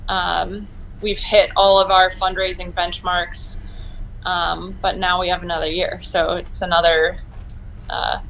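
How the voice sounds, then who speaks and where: A woman's voice: lowish voice, flat delivery, unhurried, creaky, a bit bright, a little hiss or hum. A woman in her thirties, a sailor being interviewed over a video call from home, talking in an upbeat, chatty way with frequent ums. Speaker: Olympic sailor, guest. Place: home room, indoors.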